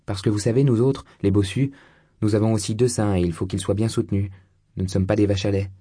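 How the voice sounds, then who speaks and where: A man's voice: fairly low pitch, steady tone, fast, mellow, breathy edge, no echo, studio quality. A man voicing a blunt, suspicious young woman, a hunchbacked locksmith's apprentice, in an audiobook reading. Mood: prickly.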